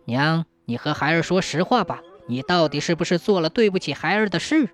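A woman's voice: low-pitched, expressive, a little fast, faint music behind, pitched below the performer's own voice. Woman doing a stubborn teenage village boy. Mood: troubled. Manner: blunt, defiant, then pleading. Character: sixteen-year-old village boy, troubled and stubborn.

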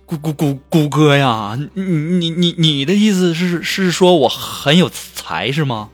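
A man's voice: fairly high pitch, expressive, a little slow, no room sound, faint music behind. A man voicing a timid, dim-witted young male friend who stammers and is eager to please, in a comedy monologue.

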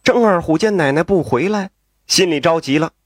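A man telling a story in a traditional storytelling style, lively with folksy asides and exclamations. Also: on the high side, moderate pace, no room sound, studio quality.

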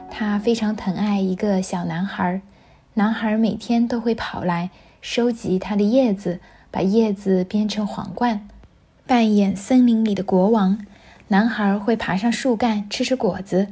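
A woman teacher reads a children's story in a calm, gentle narrating manner. Her voice is mellow and a little husky, at an ordinary pitch for a woman. Soft music plays faintly underneath. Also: a little slow.

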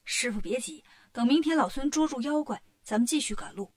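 A woman's voice: high-pitched, fairly quick. A woman voicing a boastful, cheeky male monkey king who talks brashly and teases. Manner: brash, bragging and teasing.

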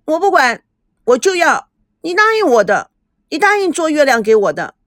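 Lady doing a bratty teen girl in a storybook, high and whiny, bouncy pitch. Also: expressive, unhurried, fairly bright tone, no echo, studio quality, full character voice. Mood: petulant. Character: spoiled teenage girl, petulant and whiny.

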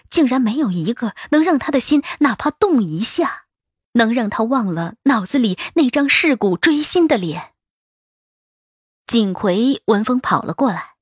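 A woman narrating a novel as an audiobook in a steady, even storytelling voice. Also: a little high, slightly rough, dry recording, studio quality.

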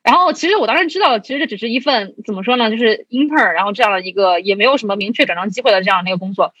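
A young woman in her twenties, guesting on a podcast, talks rapid-fire in a husky mid-range voice. She casually tells a story, acting out both sides of the conversations and laughing often. The recording is dry and lo-fi.

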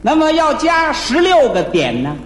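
A man performing stage crosstalk comedy, bantering and trading riddles with quick comebacks. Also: very high voice, wildly swooping pitch. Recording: echoey hall with faint hiss.

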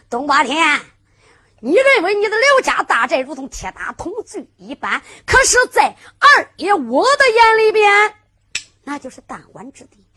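A woman's voice: high-pitched, pushed and bright, breathy edge, heavily acted. A woman voicing a boastful, defiant male martial hero in a storytelling performance. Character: bold swaggering male hero, a martial outlaw.

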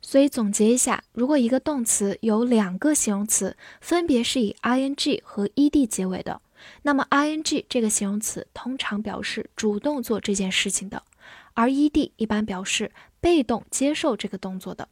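Female vocabulary teacher, patient and clear, a little high-pitched, dry close mic. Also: no room sound. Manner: clear, patient, spells words letter by letter and reads slowly. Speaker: English teacher. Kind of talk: vocabulary lesson.

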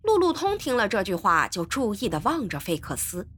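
A woman narrating a novel in an expressive, animated storytelling voice. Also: medium pitch, brisk, faint music behind.

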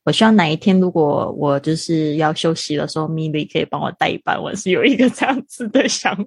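A woman's voice: deep voice, fairly quick, gravelly, slightly rough, dry recording. A woman hosting an online group session over a video call, informal and effusive, full of encouragement and praise. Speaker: host of online club session.

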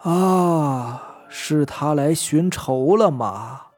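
Man voicing a gruff impatient old master. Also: on the high side, extremely slow, darkish tone, faint music behind. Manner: impatient, commanding. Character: irritable wealthy old household master.

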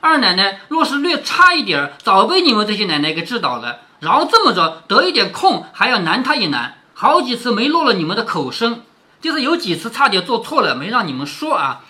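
Sharp young maid scolding the servants, read out by a man, bright and bouncy. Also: high voice, wildly swooping pitch, a little fast, exaggerated voice. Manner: lecturing, scolding.

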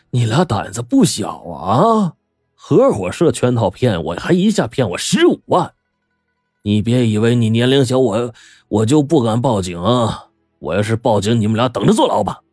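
A man voicing a furious, greedy middle-aged uncle who shouts threats in a husky voice. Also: lowish voice, dry recording, studio quality. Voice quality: shouting, threatening, fast-tempered.

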